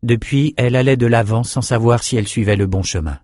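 A man narrating a fantasy novel as an audiobook in a measured, even storytelling manner. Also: mid-range voice, dry recording, clean studio sound.

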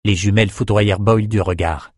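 A man narrating a dark fantasy novel in a steady, even reading voice. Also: on the low side, brisk, slightly rough, no echo, clean studio sound. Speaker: audiobook narrator.

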